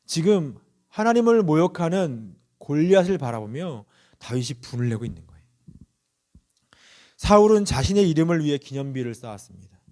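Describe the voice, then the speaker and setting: Male pastor, earnest Sunday sermon delivery with storytelling and a pitch that swings up and down. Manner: earnest preaching with anecdotes and questions to the congregation; lively rising and falling pitch.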